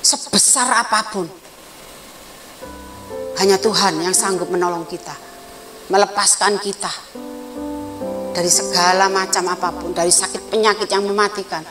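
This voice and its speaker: Female preacher, earnest testimony-driven sermon, gentle music bed. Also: mid-range voice, fairly even intonation, moderate pace, long pauses, poor audio. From Indonesia. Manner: earnest, storytelling testimony with quoted voices. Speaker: evangelist preacher. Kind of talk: sermon at a prayer service.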